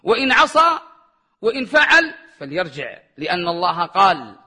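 A man's voice: sing-song, moderate pace, pushed and bright, husky. A man preaching a religious sermon with passion, chanting scripture verses in a melodic voice. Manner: impassioned, rising pitch on questions, chants verses.

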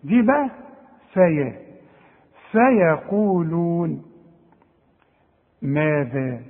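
Egyptian male recitation teacher, husky and high, animated corrections, tinny phone-like audio with hall reverb. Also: moderate pace. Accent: Egyptian Arabic. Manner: animated, demonstrates letter sounds, corrects the listener. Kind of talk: colloquial tajweed lesson.

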